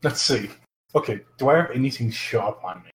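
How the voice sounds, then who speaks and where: A man's voice: medium pitch, animated, a little fast, a little hiss or hum. A man playing a tabletop role-playing game, talking casually as one of the players.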